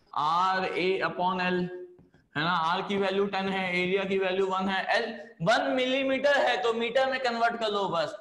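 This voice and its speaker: A man's voice: high voice, a bit bright, reverberant. A man teaching physics in a chatty lecture, coaxing his students along. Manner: chatty, coaxing, says "है ना" often. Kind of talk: classroom lecture.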